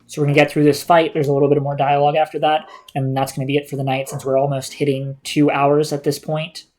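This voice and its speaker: A man's voice: a little high, little pitch movement, fast, darkish tone. A man giving casual live gameplay commentary as a streamer, indoors over game audio. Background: game music.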